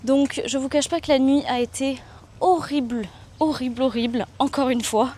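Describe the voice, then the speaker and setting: A woman's voice: high voice, fairly even intonation, normal speed, mellow, a little hiss or hum. A French woman in her twenties, vlogging while walking outdoors and talking candidly and reflectively, with many hesitations. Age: 20s. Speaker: travel vlogger. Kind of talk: casual confiding vlog.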